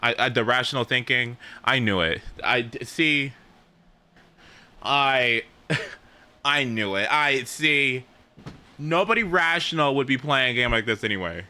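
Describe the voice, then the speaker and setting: Here a man streams his reactions to a story game, leaning into theatrical mock outrage, heavy swearing, and repetitive jokes. His mid-range voice is bright, forceful, and expressive, a little slow and broken by long pauses. Faint game music sits behind him.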